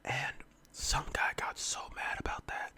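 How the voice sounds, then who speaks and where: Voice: a little slow, pushed and bright. An ASMR host of unclear sex whispers close to the mic, as if leaning in, in an informal, meandering casual chat. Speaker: ASMR eating-video host.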